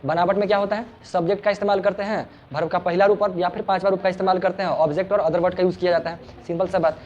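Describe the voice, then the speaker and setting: A man's voice: high-pitched, flat delivery, racing, darkish tone, lo-fi sound. A man teaching English grammar informally in a small classroom, chatty and joking, often repeating his words. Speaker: English tutor.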